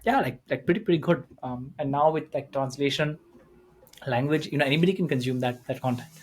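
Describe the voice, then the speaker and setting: A man from India in his thirties hosting a podcast, talking in a relaxed, rambling way with lots of fillers. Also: medium pitch, brisk. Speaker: podcast host. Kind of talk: casual conversational interview.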